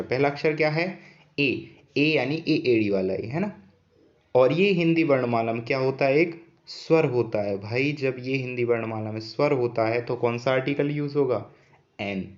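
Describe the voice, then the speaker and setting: A man with a medium-pitched voice speaks at normal speed, patiently teaching an English grammar lesson and echoing key points back as questions to students. The sound is dull and lo-fi.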